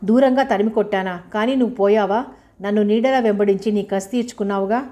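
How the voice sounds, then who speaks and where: Proud bitter young widow, sharp resentful delivery, mellow voice, read by a woman narrator. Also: mid-range voice, fast talker, close to an everyday voice.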